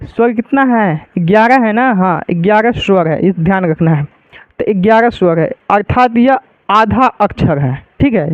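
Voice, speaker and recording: A patient male Sanskrit teacher, walking through reading rules and repeating each point. His voice sits high and sounds clear, though it comes over a narrow, phone-like line in a dry space. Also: no room sound. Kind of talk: online lesson explaining reading rules.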